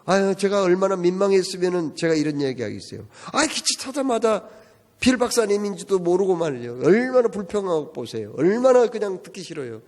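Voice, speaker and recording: A man's voice: high-pitched, big pitch swings, fairly quick, darkish tone. A man playing an embarrassed middle-aged husband. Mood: exasperated. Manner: polite, then exasperated confiding. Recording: long church-hall reverb.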